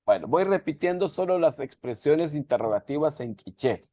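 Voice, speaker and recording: A man's voice: on the high side, animated, moderate pace, mellow, no room sound. A man teaching a language class over a video call, patiently repeating words so his students can follow. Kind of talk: virtual class explanation.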